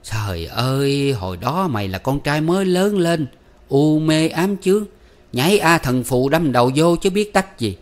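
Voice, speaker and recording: A scolding middle-aged village mother, as a male storyteller puts her on, high-pitched and loud. She nags and chides in quick, sharp bursts. It sounds like a storybook reading. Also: expressive, lightly acted. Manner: nagging, scolding.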